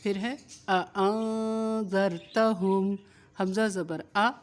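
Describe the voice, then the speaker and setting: A woman teaching a Quran reading lesson, spelling words out syllable by syllable and drawing them out slowly, then explaining quickly. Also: medium pitch, fairly even intonation. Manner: slow drawn-out syllables when modeling words, quicker when explaining.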